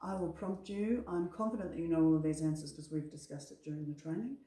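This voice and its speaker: A woman's voice: sits low, fast, warm tone. A woman working as an assessor, giving a spoken briefing in a reassuring, encouraging manner. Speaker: assessor and trainer. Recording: echoey room, distant microphone.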